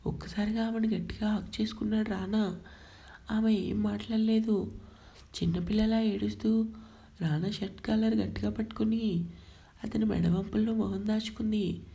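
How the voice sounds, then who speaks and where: A woman storyteller reading a romance story aloud in a steady, even way. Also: medium pitch, moderate pace, gravelly, pauses often. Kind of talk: scripted narration of a romance story.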